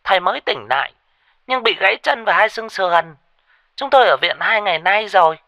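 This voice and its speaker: A man voicing a frantic shrill sorcerer's wife. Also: animated, a little fast, sharp tone, no echo, heavily acted. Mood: urgent warning. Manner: urgent, high-pitched warning. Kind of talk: ghost story narration.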